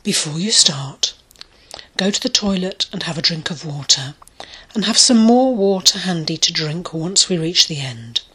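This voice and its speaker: A woman leading a guided meditation in a soft, soothing voice that often drops to a breathy near-whisper. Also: on the low side, expressive, moderate pace, poor audio. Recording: clear music bed behind the voice.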